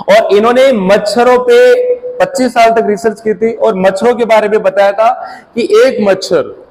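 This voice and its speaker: In a low-quality recording, a man with a high, slightly mellow voice runs a competition exam class as a lecture. He quizzes students and has them echo key terms back through repeated call-and-response prompts.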